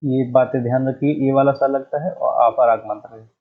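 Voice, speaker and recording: A man leads a grammar lesson in a husky voice. He moves through each word with care and says the correct form again. The sound is narrow and muffled, like a phone line. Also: medium pitch, fairly even intonation. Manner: explains deliberately, repeating the correct word. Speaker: Hindi teacher. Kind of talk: exam-prep grammar lesson.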